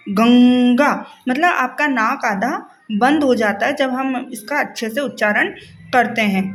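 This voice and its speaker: A woman teaching a spoken grammar lesson, stretching out each example word and repeating it so the learner can hear it. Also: a little high. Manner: slow, drawn-out word demonstrations, repeated for the learner.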